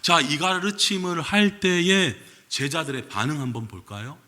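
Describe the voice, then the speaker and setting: A man preaching a sermon as pastor, lively and quick to question his congregation, recorded in a church sanctuary. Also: on the high side. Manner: animated, keeps asking the congregation questions. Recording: long reverb of a church hall.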